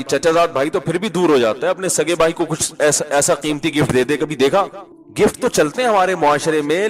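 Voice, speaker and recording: A man preaching a sermon as a mufti, chatty and teasing, often asking listeners if he is right and quoting Arabic scripture. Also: a little high.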